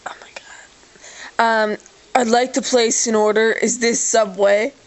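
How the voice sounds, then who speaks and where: A woman with a high, bright voice makes a prank phone call. She plays dumb and drifts into exaggerated, teary whining. Steady hiss and noise sit over a home recording. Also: unhurried. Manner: feigned confusion turning into mock-tearful whining. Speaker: prank caller.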